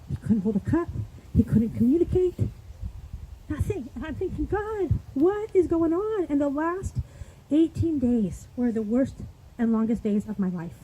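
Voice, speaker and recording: A woman's voice: fairly high pitch, dark tone, lo-fi sound, a little hiss or hum. A woman giving a heartfelt eulogy for her husband at a memorial, talking in an earnest, raw way that turns pleading at times.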